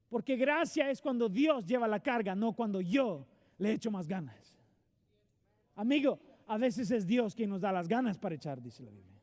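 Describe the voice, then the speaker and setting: A male pastor preaching a sermon in a church, earnest and direct with his congregation. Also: extremely high pitch. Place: church sanctuary.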